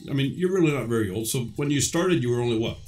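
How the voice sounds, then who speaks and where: A man's voice: mid-range voice, expressive, racing, a little mellow, distant mic, a little hiss or hum. Folksy male stream host, easygoing, roomy sound. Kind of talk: casual chat.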